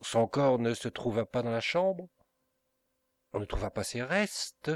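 A man voicing a curious Italian gentleman guest who asks startled questions, for an audiobook. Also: medium pitch, expressive, unhurried, no room sound, lightly acted.

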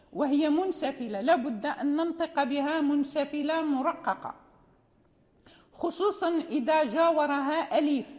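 High-voiced woman teaching recitation. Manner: patient, demonstrates pronunciations slowly, asks "hm?" for checks. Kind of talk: tajweed lesson. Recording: dull audio in a reverberant hall.

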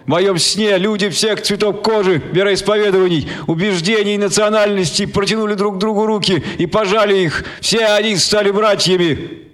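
A man voicing a fiery orator who declaims slowly and rousingly to a crowd. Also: sits high, fairly even intonation, a bit bright, pitched above the performer's own voice. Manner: declaiming, rousing, slow rhetorical cadence.

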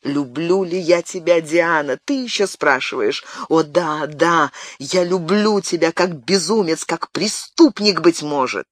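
A reader doing a brooding young nobleman, low and slow. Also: fairly bright tone, dry recording. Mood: anguished. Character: young nobleman, troubled and passionate lover. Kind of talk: audiobook narration.

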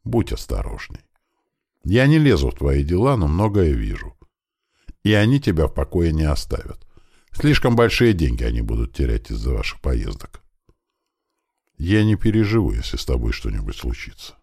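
A man's voice: rumbling low, wildly swooping pitch, moderate pace, creaky, husky, heavily acted. A man voicing a fierce gun-toting young woman. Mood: pleading. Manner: sharp, threatening then tender.

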